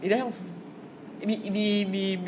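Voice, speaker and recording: A woman co-hosting a podcast, chatting in a lively, amused way. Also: medium pitch, measured pace, a crowd in the background. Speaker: podcast co-host. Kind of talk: casual chat.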